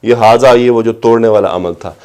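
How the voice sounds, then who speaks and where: This male lecturer has a smooth, darkish mid-range voice. He teaches scriptural Arabic grammar, reading phrases out slowly, then explaining them and lifting his voice for emphasis.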